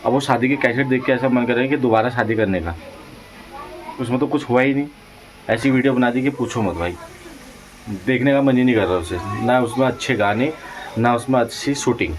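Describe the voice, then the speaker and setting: A man's voice: mid-range voice, fairly quick, pauses often. A man with a Kumaoni-tinged Hindi accent chatting casually and laughing as he vlogs to viewers from his family home on a phone camera, over a background music track. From Uttarakhand, India. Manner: chatty, laughing, addresses viewers as guys and friends. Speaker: vlogger. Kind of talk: casual vlog chat.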